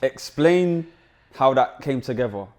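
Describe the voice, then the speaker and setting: A man's voice: medium pitch, animated, a little slow, darkish tone. A young man with a London roadman accent, hosting a casual podcast chat in informal street slang and banter. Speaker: podcast host.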